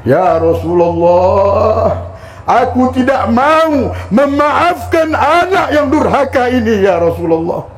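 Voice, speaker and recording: A man voicing a grieving elderly mother who refuses to forgive, with pleading, drawn-out cries. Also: extremely high pitch, expressive, pitched above the performer's own voice, heavily acted, low-quality recording. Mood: bitter wailing.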